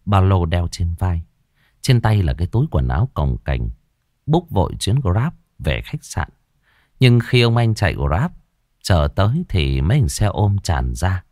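A man with a Southern Vietnamese accent telling a ghost story in the first person, gruff and blunt, cursing casually. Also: low-pitched, darkish tone, no echo, studio quality.

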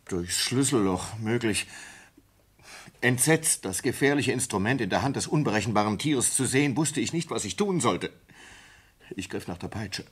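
A man acts the part of a distraught sailor in a German radio play, using a lowish, husky voice with lively intonation. His dramatic monologue, a confession of a horrifying ape killing, is anxious, halting and intense, moving from hushed tones to agitation.

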